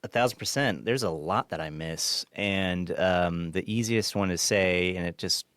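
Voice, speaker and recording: A man with a low, smooth, resonant voice talks loosely as an interview guest, restarting his sentences, laughing easily and dropping the odd swear. The sound is close and dry, with no room around it. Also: unhurried, fairly bright tone, dry recording. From Kansas, US. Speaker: podcast guest, former assistant director. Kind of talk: casual interview chat.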